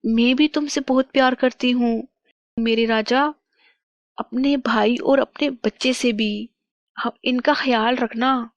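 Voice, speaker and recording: A woman voicing a loving, devoted young queen in a cartoon storybook, soft-spoken and tender. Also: fairly high pitch, steady tone, slow pace, no room sound, dull audio, voice pushed up.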